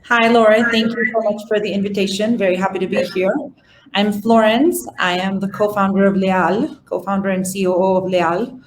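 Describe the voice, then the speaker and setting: A woman's voice: mid-range voice, fairly even intonation, normal speed, reverberant, a little hiss or hum, low-quality recording. A woman from El Salvador introducing herself as a startup co-founder on a conference panel, speaking with occasional fillers.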